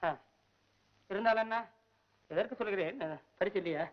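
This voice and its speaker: A man's voice: moderate pace, close to an everyday voice. An actor playing a poor, anxious male poet in a 1960s film, whining and frantic. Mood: cheeky. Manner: frantic, whiny, jumps between high and low. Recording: dull old film soundtrack.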